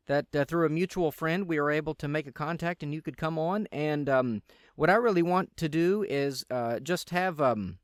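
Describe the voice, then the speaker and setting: A man who is a pastor hosting a talk radio show, speaking casually and haltingly with many fillers. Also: on the high side, smooth, no room sound, clean studio sound. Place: radio studio.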